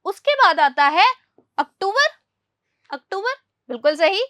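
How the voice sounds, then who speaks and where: Lady teaching english words, quizzes you and repeats them, high bright voice. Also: animated, unhurried, dry recording, studio quality. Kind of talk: spoken English lesson in Hindi.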